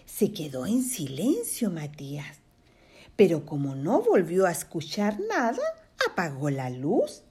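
Una mujer que lee un cuento infantil en voz alta, con pausas para dar consejos a los padres y susurros para crear suspenso. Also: female voice, lowish voice, breathy edge. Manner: expressive, switching to whispers for suspense. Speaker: storyteller for children. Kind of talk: reading a children's story aloud with tips for parents.

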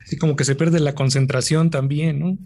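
Male host, slightly high, husky voice, brief encouraging questions. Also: steady tone, moderate pace, warm tone. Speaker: interviewer. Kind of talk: casual interview.

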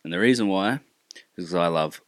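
A man's voice: low voice, a little fast, no room sound. A middle-aged Australian man hosting a casual group chat in a blokey, matey everyman way. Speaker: podcast host.

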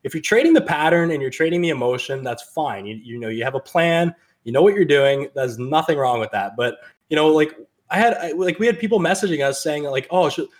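A man co-hosting a casual trading podcast, rambling and acting out quoted people in a raised voice. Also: expressive. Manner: fast, rambling, acts out quoted people in a higher voice. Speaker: podcast co-host.

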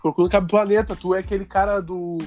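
Man, southern Brazilian accent, rapid speech, slangy, profane, bedroom recording. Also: high voice, flat delivery, darkish tone, soft background music. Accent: southern Brazilian, Rio Grande do Sul. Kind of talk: casual chat.

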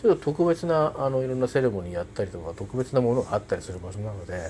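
A man talking alone in a casual spoken diary, rambling politely with many fillers and restarts and trailing off softly at the ends of phrases. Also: mid-range voice, expressive, racing, slight background noise. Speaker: solo podcast host.

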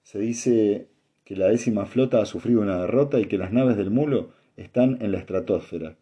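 Man voicing a whispering messenger, hushed, low and dark, read-aloud story. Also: moderate pace, slightly rough, lo-fi sound. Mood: urgent hushed.

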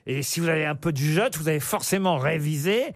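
High-voiced bantering male radio host. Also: no room sound, clean studio sound. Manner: bantering, quick, laughs often. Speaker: radio show host running a quiz. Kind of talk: lively radio panel show.

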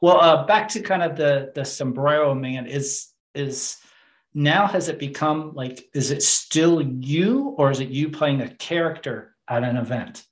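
A man's voice: fairly high pitch, measured pace. A man interviewing a guest in a casual chat, with frequent brief affirmations. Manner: friendly, short affirmations.

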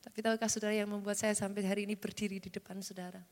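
A woman pastor, moving from fervent prayer to soft, confiding preaching. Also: medium pitch, flat delivery, rapid-fire. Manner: fervent prayer with chanted tongues, then soft confiding talk. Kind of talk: sermon. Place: large church hall. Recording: reverberant church hall with music. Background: keyboard music.

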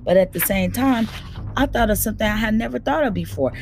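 A woman reading a children's novel aloud in a steady, plain storytelling manner. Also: on the high side, quick pace, over music. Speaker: audiobook reader.

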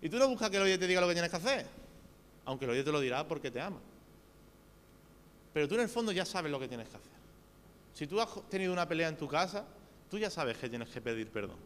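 A man's voice: a little high, big pitch swings, quick pace, pauses often, a bit bright. A man preaching a sermon with a Spain Spanish accent, earnest and talking straight to his listeners with rhetorical questions. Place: church hall. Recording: reverberant hall with faint hum.

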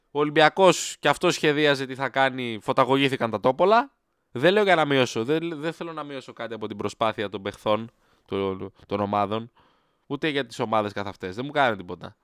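A man hosting a football podcast alone, ranting in a heated, sarcastic way, his voice leaping upward whenever he gets worked up. His tone is smooth and clear, set in a dry, close space with no room sound. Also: medium pitch, a bit bright, no echo. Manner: heated, sarcastic, voice jumping up when riled. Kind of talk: solo football podcast rant.

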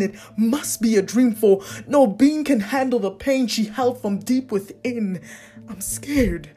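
A woman's voice: medium pitch, breathy edge. Woman performing intense spoken word poetry. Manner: intense, dramatic, slowing to hushed endings.

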